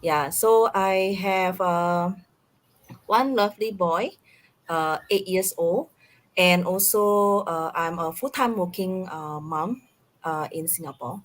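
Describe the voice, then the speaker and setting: Appearing as a guest in a relaxed live online conversation, this middle-aged woman from Indonesia talks in a hesitant way with an Indonesian accent. Her voice is lowish.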